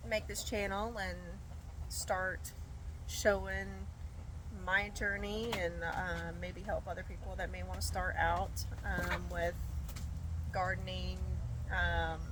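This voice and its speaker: A congested woman, under the weather, chatting casually and getting sidetracked as she shows her chickens outdoors. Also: medium pitch. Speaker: homesteading vlogger. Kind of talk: casual chat to camera. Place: backyard by chicken coops, outdoors. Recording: outdoor noise with clucking chickens and roosters. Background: chickens and roosters.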